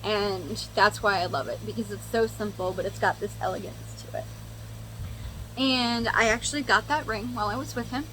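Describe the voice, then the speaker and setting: A young woman makeup vlogger chats casually to viewers and tells a story while doing her makeup, candid and sweary with sarcastic asides. Her mid-range voice is fairly bright at a moderate pace. The recording is low quality with slight background noise.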